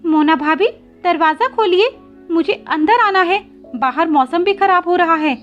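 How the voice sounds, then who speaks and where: A woman's voice: very high voice, a little slow, lo-fi sound, faint music behind, voice pushed up. A woman voicing a timid young female sparrow who pleads and stammers in fear. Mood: pleading.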